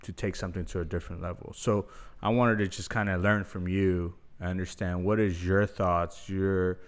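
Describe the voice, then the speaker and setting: A man hosting a casual podcast conversation, talking in a relaxed, rambling way with plenty of fillers. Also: deep voice, normal speed, clear, resonant tone. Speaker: podcast host.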